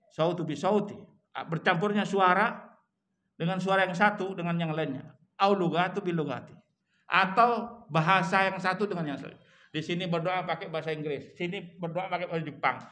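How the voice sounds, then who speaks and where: A man's voice: high-pitched, a bit bright. Man giving a repetitive, tag-heavy religious lesson. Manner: repetitive, mixes Arabic and Indonesian, frequent "ya" tags. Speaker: Islamic teacher. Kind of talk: religious lecture.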